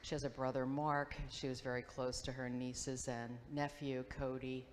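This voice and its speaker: A woman in her fifties giving a memorial tribute, telling stories in a halting, reminiscing way and acting out quoted voices. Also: very deep voice, little pitch movement, slight background noise. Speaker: memorial speaker, old friend. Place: school auditorium. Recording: long hall reverb, faint ambience.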